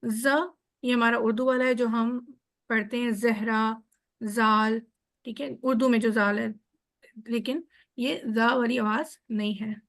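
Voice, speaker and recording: A woman's voice: a little high, steady tone. A woman giving an online lesson on Arabic letter sounds, explaining patiently step by step over a video call. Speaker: Quran teacher.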